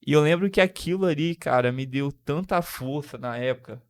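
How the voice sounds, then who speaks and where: A man's voice: a little high, moderate pace, smooth. A young man from Brazil hosting a podcast, telling a personal story with feeling, full of slang and restarts. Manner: emotional, slang-filled storytelling with frequent restarts. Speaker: podcast host.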